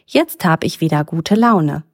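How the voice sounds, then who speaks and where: A woman voicing a huge, lonely, gentle female sea turtle in a storybook. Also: low-pitched, animated, unhurried, breathy edge, no room sound, studio quality, full character voice.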